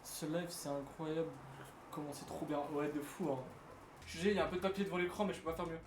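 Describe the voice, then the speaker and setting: A man's voice: a little high, fairly even intonation, echoey room, noisy background. A young man cooking as a guest on a livestream, joking crudely and bantering with the host. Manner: fast, crude joking, playful threats. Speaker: guest cook.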